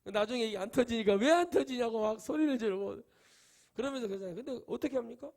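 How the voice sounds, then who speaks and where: High-voiced Korean pastor preaching a sermon. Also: male voice, quick pace, creaky. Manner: swings from quiet asides to loud exclamations; acts out quoted voices in his preaching.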